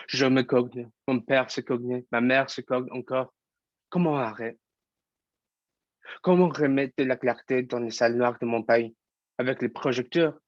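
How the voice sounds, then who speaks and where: A man's voice: mid-range voice, no echo, natural voice. Young guy playing frustrated young actor, agitated, kinda muffled and dry. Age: young adult. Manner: urgent, agitated questioning. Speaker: student actor. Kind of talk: stage monologue.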